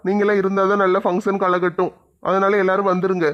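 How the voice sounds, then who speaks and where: A man speaks politely and easily in a village comedy skit. His voice is fairly high and even, and quick. The recording sounds dull and lo-fi.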